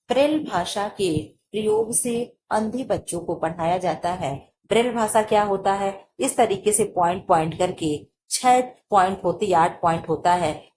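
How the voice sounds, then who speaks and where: A woman's voice: medium pitch, noisy background. A woman teacher giving an exam-prep lecture, explaining and asking herself rhetorical questions.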